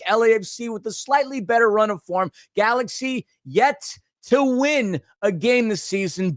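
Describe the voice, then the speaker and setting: A man with a fairly high voice hosts a casual sports talk show. He is upbeat and jokey and full of sports slang. The sound is dry and close, with no room echo. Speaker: podcast host.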